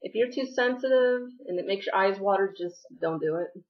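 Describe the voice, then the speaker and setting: A woman talks viewers through her makeup step by step in a friendly, easygoing way. Her voice is mid-pitched and a little worn, as if she is losing it. The recording is slightly dull and lo-fi. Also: moderate pace. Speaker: beauty vlogger. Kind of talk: makeup tutorial narration.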